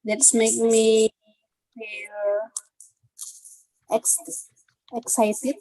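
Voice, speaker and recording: A woman student answering in halting English during an online lesson. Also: a little high, little pitch movement, warm tone, faint music behind, rough recording. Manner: hesitant, halting English learner. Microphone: video call.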